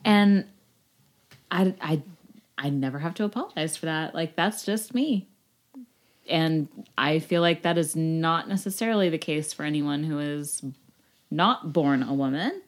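A woman's voice: deep voice, a little slow. A woman co-hosting a casual podcast chat, blunt and swearing freely, laughing often. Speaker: podcast co-host.

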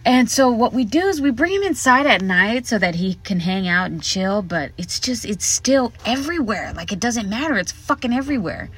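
A slightly high, husky, fairly bright voice comes across animated at a moderate pace, with hardly any pauses. The podcast host is in a hotel room closet with her mic, chatting through a casual solo monologue of frank, heavily profane stories.

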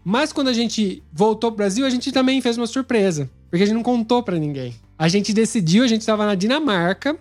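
A young man with a Brazilian accent telling a story in a relaxed, chatty way, with many fillers. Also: high-pitched, brisk, few pauses, soft background music. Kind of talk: casual storytelling chat.

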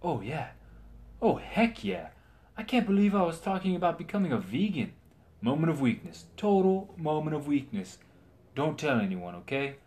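A man's voice: a little high, big pitch swings, normal speed, a little mellow, voice pushed up. A man voicing a cheerful young male zombie knight who boasts and laughs triumphantly. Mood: eager.

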